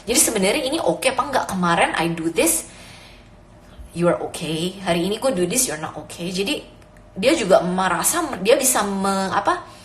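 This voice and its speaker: Earnest young mom in an echoey room. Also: female voice, mid-range voice, expressive, moderate pace, a little hiss or hum. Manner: mixes Indonesian and English freely; earnest, advising. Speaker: parenting vlogger, mother. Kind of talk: casual advice talk. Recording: echoey room with faint ambience.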